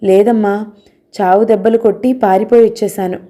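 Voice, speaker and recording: A shaken young daughter who answers through sobs, voiced by a woman narrator. Her lines come short and broken. The voice is soft and mellow. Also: medium pitch, fairly even intonation, moderate pace, natural voice. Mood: tearful.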